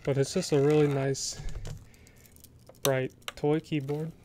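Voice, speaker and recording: An American man hosting a soft-spoken ASMR show-and-tell, talking in a casual, rambling, hesitant way. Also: on the high side, little pitch movement, slow, slight background noise. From United States. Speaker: ASMR video host.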